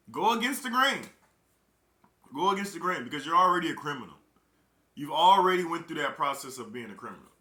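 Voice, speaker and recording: Emphatic young man, bright and roomy. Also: a little high. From Chicago, Illinois. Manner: emphatic, repeats key phrases. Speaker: network marketing recruiter. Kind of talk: casual motivational talk. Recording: roomy echo.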